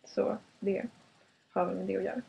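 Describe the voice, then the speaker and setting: A woman's voice: mid-range voice, steady tone, creaky, mellow, slight background noise. A young woman from northern Sweden, co-hosting a podcast in a reflective, casual chat, laughing often and restarting her sentences. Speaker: podcast co-host. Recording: muffled, distant from the mic.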